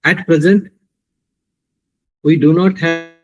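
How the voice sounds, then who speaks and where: A man giving a workshop lecture on a video call, his speech coming in halting, broken-up phrases as the call audio glitches and breaks. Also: fairly high pitch, steady tone, faint music behind. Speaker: workshop speaker. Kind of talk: online lecture answering a question.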